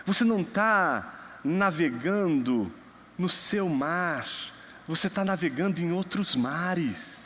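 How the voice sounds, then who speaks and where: A young man from Brazil preaching a sermon, moving between quiet storytelling and loud, emphatic passages. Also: a little high, expressive, takes it slowly, slight background noise. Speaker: pastor. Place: church hall. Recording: long hall reverb.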